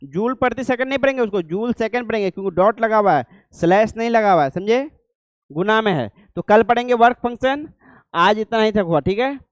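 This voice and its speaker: A man's voice: sits high, a little fast, no room sound, clean studio sound. A middle-aged male teacher giving a classroom lecture, often stopping to ask the class whether they follow. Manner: keeps asking the class checking questions.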